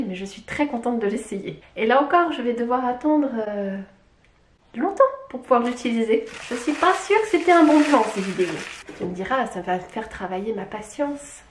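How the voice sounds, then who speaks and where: Excitable woman gushing over an unboxing. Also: a little high, a little fast, a little hiss or hum. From Lyon, France. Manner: excitable, gushing, with little squeals and exclamations. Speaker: beauty vlogger. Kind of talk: casual unboxing chat. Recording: echoey room.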